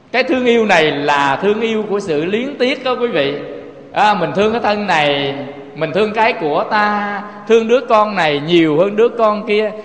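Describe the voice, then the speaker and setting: Speaking in a high voice with a roomy sound and long reverb tail, a man with a Southern Vietnamese accent gives a Buddhist sermon. He often addresses his listeners directly and leans on rhetorical questions.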